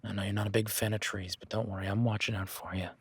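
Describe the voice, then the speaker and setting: A man with a fairly low, flat voice talks quickly and naturally, over heavy background noise. He's playing a rugged, relaxed cowboy rancher in a first-person roleplay, teasingly checking out a new ranch hand while speaking straight to the listener. Now and then he talks softly to his horse.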